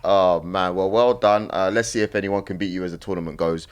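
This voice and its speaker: A man co-hosting a casual interview, asking questions in a relaxed, chatty way. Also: deep voice, fairly quick, clear, resonant tone. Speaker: co-host.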